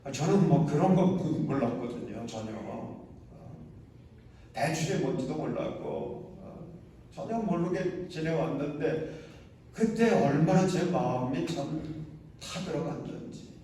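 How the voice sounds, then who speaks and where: A man's voice: a little high, expressive, measured pace, dark tone, slight background noise. A middle-aged man preaching a sermon as senior pastor, emphatic and often rising to exhortations and questions to the congregation. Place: large church sanctuary. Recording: echoey church hall, mic from far off.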